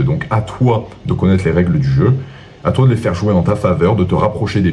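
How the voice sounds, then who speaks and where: Deep, dark-voiced man coaching. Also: a little hiss or hum. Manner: didactic, lists points with rhetorical questions. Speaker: dating coach. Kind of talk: instructional monologue.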